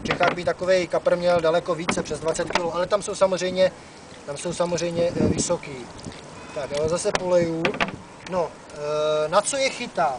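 A man's voice: on the high side, steady tone, a loud crowd. A man in his thirties from the Czech Republic, chatting casually about fishing on a river dock, with lots of "eh" fillers. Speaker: angler and fishing vlogger. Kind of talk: casual outdoor fishing talk to camera. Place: outdoors on a wooden dock by a wide river. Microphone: camera mic from a few meters away. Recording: distant camera mic with outdoor noise.

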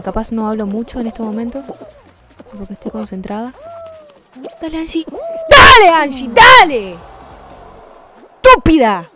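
A young woman with a Rioplatense Spanish accent, gaming and chatting casually, swearing and shouting at the game between asides to viewers. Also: on the high side. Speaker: gaming streamer.

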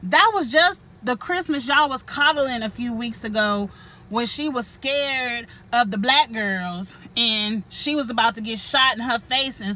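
A woman with a high-ish, sharp-toned voice hosts her own channel, reviewing a reality show. She talks straight to her viewers with casual, blunt, profane commentary and laughs often.

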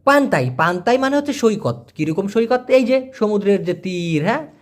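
A man's voice: sits high, animated. A man, teaching a casual vocabulary lesson, spelling out letters and repeating each word. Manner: explains slowly, spells out letters, repeats words. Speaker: language teacher.

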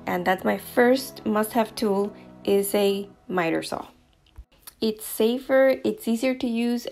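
Friendly woman home-renovation vlogger, chatty lapel-mic voice-over at mid pitch over light music. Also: a little mellow. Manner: upbeat and encouraging, chatty. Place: home living room, indoors.

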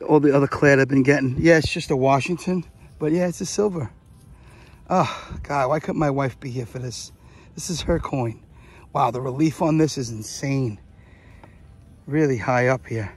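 A man narrating his metal detecting finds outdoors in a casual way, often exclaiming with excitement. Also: mid-range voice, a little slow, long pauses. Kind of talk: casual narration while digging. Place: outdoors in a large field.

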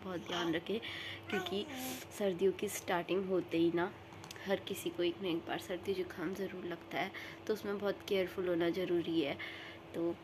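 A woman vlogger with a cold, talking softly and tiredly to the camera at home. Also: noisy background. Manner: soft, tired and low-key. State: sick with a cold. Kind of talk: casual vlog talk to camera. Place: at home indoors.

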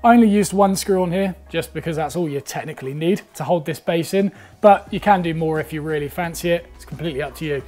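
A man's voice: a little high, quick pace, few pauses, a little mellow. A young man, teaching woodworking in a workshop, chatty and upbeat as he explains each step. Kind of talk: instructional talk.

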